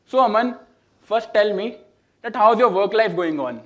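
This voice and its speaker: An Indian-accented man playing a calm therapist guiding a patient through breathing. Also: high voice, highs cut off, exaggerated voice. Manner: slow soothing instructions. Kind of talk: stage drama acting.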